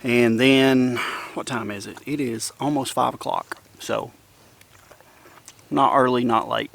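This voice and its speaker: A man chatting casually to his viewers at a woodland campsite, relaxed and talkative as he sets up and snacks. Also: mid-range voice, slow pace, creaky. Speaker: outdoor vlogger. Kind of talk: casual camping vlog chat. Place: outdoors in the woods at a campsite.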